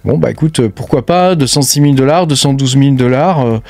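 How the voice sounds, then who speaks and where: A man's voice: medium pitch, brisk, vocal fry, darkish tone, dry recording. A man hosting a casual screen-share walkthrough, talking to the viewer familiarly and filling nearly every phrase with hesitations. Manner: chatty, fills every phrase with "hein" and "euh". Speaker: crypto channel host.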